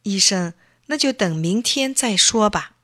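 A woman as a gentle, ailing mother. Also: mid-range voice, animated, measured pace. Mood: tender. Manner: soft, quiet comforting. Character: ill mother, gentle and soothing. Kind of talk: children's story narration.

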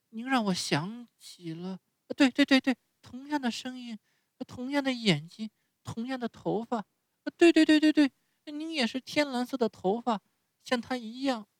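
A man's voice: mid-range voice, no room sound, lightly acted. A man reading a storybook and voicing the wooden puppet boy Pinocchio, stammering and pleading through tears. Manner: stammering, emotional, drawn-out cries.

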